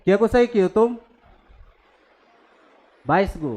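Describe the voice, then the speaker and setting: A man's voice: high-pitched, lively intonation, slow pace, a little mellow. A man, teaching maths in a classroom. He scolds his students bluntly, then talks through calculus steps with English maths terms mixed in. He sounds stern and plain-spoken.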